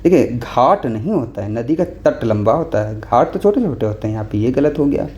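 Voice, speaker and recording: Male tutor, patient step-by-step explaining, warm low-bright tone, muffled lo-fi audio with faint hiss. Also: expressive, brisk. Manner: patient, repeats with frequent "okay?" checks. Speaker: Hindi exam tutor. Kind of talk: explaining exam answers. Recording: dull lo-fi recording with faint noise.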